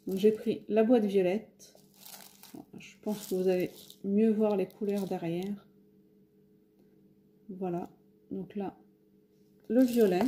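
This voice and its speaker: A woman's voice: mid-range voice, steady tone, takes it slowly, pauses often, mellow. A French woman casually showing her craft shopping haul, talking with many hesitations and fillers. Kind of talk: casual haul video talk. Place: home, near a window.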